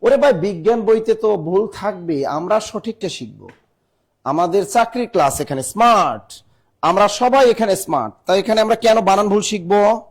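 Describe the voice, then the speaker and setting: Man, Bangladeshi Bengali accent, high-pitched, online class teacher, spells words letter by letter, brisk and urging. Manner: brisk, urging students to answer fast.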